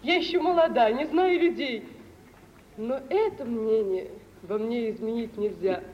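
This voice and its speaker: A young actress in a 1950s Russian radio play voices a proud, sensitive dowerless bride, yearning and wounded, sounding fervent and adoring. Her fairly high voice is lightly acted yet impassioned, with weighty pauses, in roomy acoustics. The old recording is muffled and hissy.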